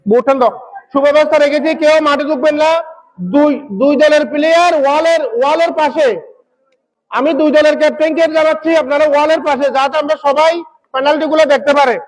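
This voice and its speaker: Very high-pitched man in excitable football commentary. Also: fast talker, poor audio. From Bangladesh. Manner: excitable, shouts out shots and goals, repeats players' names. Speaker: local football match commentator and announcer. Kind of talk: live football penalty shootout commentary. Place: outdoor local football ground.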